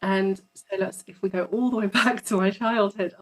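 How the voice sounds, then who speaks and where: A London woman appears as a psychologist guest in a casual interview, chatting and telling stories while often repeating words for emphasis. Her voice is medium-pitched with fairly even intonation and a moderate pace. The audio quality is poor.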